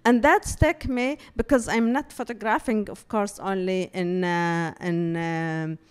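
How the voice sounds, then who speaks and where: A woman from Palestine, an artist giving a public talk, speaking haltingly and searching for words with many fillers. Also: medium pitch, fairly even intonation, clear, resonant tone. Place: talk room before an audience.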